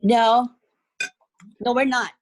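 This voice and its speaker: A woman's voice: a little high, fairly even intonation, takes it slowly, rough recording. A woman from Singapore, a sales trainee on a video call, giving brief and hesitant answers.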